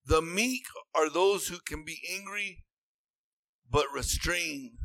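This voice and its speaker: Slow, earnest male preacher. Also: a little high, creaky, pushed and bright, no room sound. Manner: earnest, repetitive, rising to emphatic bursts. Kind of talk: sermon.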